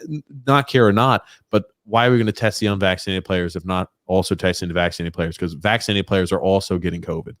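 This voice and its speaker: A man's voice: deep voice, steady tone, quick pace, fairly bright tone, dry recording, studio quality. A man hosting a casual sports talk show, chatty and reading out viewer comments. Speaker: host.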